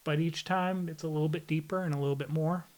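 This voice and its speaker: On the high side yet darkish in tone, this man's voice keeps a fairly even intonation as he talks fast. He's an air traffic controller and podcast guest, candid, plainspoken and reflective in his explanations.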